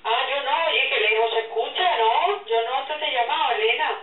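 A mature woman with an accent from Spain chats casually over a landline phone. Her voice is fairly high and comes through thin and distant, with strong room echo. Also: normal speed. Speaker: mother receiving a phone call. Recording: tinny landline on speaker, distant, echoey, noisy.

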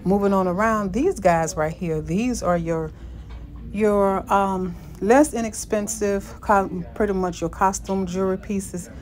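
A woman's voice: medium pitch, unhurried, darkish tone. Upbeat woman touring a store. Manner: upbeat, chatty, keeps addressing viewers as guys. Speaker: shopping vlogger. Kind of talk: casual shopping walkthrough. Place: inside a large retail store.

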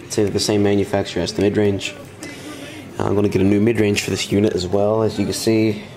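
Speaking fast in a fairly low, level, slightly mellow voice, a hobbyist presenter offers loose commentary on his audio demo while holding the camera himself. Faint music plays behind him in a wooden-floored room at home.

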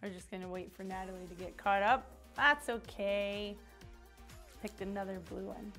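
This woman's medium-pitched voice is a bit bright and moves at normal speed. She's leading a children's church lesson with a drawing activity, keeping it upbeat, chatty and encouraging for the young kids, adding playful asides over faint background music.

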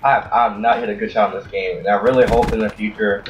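A man's voice: fairly even intonation, fast talker. Young man, chatty gameplay commentary. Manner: chatty, restless, erupts into high shouts of frustration. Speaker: gaming channel host. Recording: distant, roomy, slightly dull mic with faint hiss.

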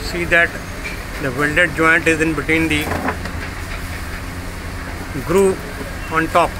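Slow man demonstrating a machine. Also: fairly high pitch, flat delivery. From India. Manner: slow, deliberate step-by-step instructions. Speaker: product demonstrator. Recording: noisy workshop recording.

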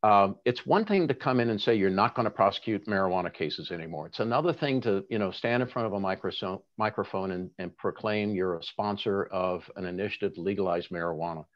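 A Seattle-area man running for reelection as city attorney speaks earnestly and passionately in an endorsement interview, at times tearful. His deep voice moves a little fast with few pauses, and he often restarts his sentences. The audio is dull.

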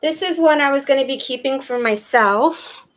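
At a normal speed and in a high-pitched voice, a woman in her fifties delivers live-stream auction patter from her living room. She sells handbags online via a webcam in front of her, calling out bids chattily and thanking viewers individually by name.

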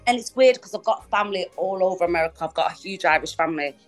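With faint music behind her, a guest musician from England speaks in a lowish, expressive voice at a quick pace. She's on a phone in her living room with a Christmas tree for a video-call interview, chatting, laughing frequently and repeating phrases.

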